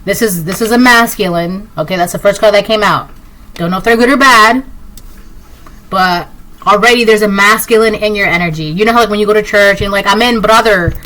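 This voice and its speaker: A Spanish-speaking woman from Puerto Rico gives a casual intuitive tarot reading to camera, rambling with lots of fillers and restarts. Her medium-pitched voice is fairly quick, pushed and bright, and the recording is rough.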